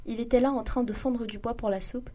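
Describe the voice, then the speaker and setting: A woman reading a classic short story aloud in a steady narrating voice, with small restarts. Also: a little high, fairly quick. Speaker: reader.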